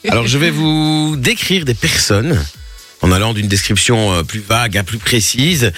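A man's voice: medium pitch, lively intonation, moderate pace, a bit bright, faint music behind. A man co-hosting a radio show, playful and chatty, running a quiz game for the team. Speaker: radio co-host. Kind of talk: casual radio banter. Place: radio studio. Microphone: studio microphone.

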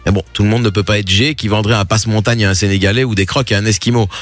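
Racing along in a fairly low voice with fairly even intonation, a man hosts an evening radio program. He runs through clips with mocking recap banter, sarcastic jokes and teasing asides, over a faint music bed in the broadcast.

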